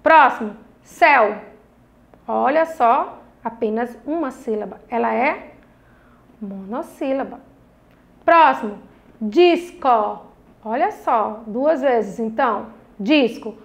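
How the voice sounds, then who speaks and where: A young Brazilian woman teaches children in a recorded lesson; her voice is on the high side, animated, slow, and gravelly. A primary school teacher with a Brazilian Portuguese accent, she's patient and encouraging and lengthens each syllable of her words.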